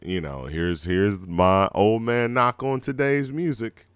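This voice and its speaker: A middle-aged radio host chats in a rambling, laid-back way on his live music show, his throat scratchy from a cold. His voice is lowish, steady, slow, clear and resonant, with no room sound.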